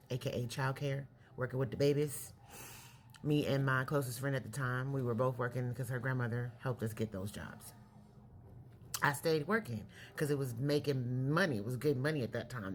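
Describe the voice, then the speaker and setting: A woman in her late forties from California, candidly telling her life story in a casual vlog, pausing and correcting herself as she goes. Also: very deep voice, slight background noise. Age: 40s. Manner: reflective, candid, self-correcting. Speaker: vlogger.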